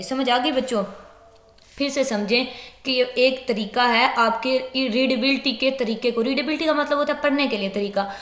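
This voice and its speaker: A woman teacher explaining a lecture step by step, with a somewhat high voice. She reads English lines slowly and then explains them plainly. Her voice rings around an echoey room.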